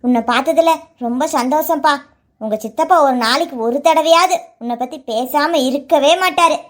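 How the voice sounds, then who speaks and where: A woman voicing a gentle, worried middle-aged village aunt in a cartoon. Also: sits high, normal speed, close to an everyday voice. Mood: anxious. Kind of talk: cartoon voice acting.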